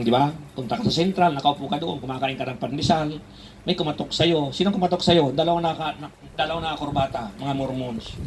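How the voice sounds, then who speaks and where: A man preaching a sermon to his congregation, lively and full of questions to the room, switching into English when he quotes Bible verses. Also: a little high, background noise. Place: church service in a hall.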